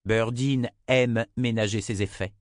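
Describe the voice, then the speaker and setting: A man voicing a calm young man, a wizard's grandson, explaining things matter-of-factly. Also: medium pitch, measured pace, no echo, studio quality, lightly acted.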